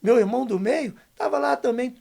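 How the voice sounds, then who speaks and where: An older man, a podcast guest telling a testimony story, emphatic and slangy, going hushed when quoting others. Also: extremely high pitch, moderate pace, creaky. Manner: emphatic, slangy, dips to a hushed voice for quoted lines.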